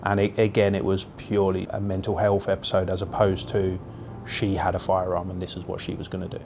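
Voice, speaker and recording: Male cop in an interview, lowish voice, straightforward and thoughtful, faint noise behind. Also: completely flat delivery, fairly quick. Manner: plain-spoken, reflective recounting. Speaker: police officer. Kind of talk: documentary interview.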